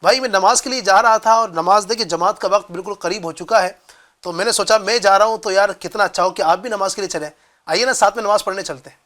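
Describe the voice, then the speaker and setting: A man voicing a polite, gentle man who kindly invites another man to come and pray. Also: high voice. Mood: inviting. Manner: soft, courteous, warm.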